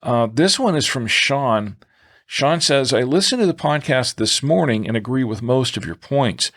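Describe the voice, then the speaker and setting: A man co-hosts a conversational podcast, working through listener mail and show business with a halting delivery full of pauses. His medium-pitched voice is expressive and fairly bright.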